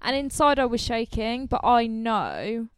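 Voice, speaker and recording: Slow, smooth-voiced woman. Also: a little high, very animated, no room sound, clean studio sound. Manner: chatty, easily amused, encouraging. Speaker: podcast co-host. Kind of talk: casual chat.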